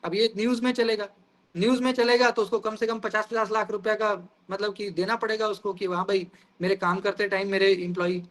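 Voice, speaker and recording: Bright, high-voiced male teacher. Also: little pitch movement, brisk. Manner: explains with everyday examples, often asks "guys". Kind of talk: classroom lecture.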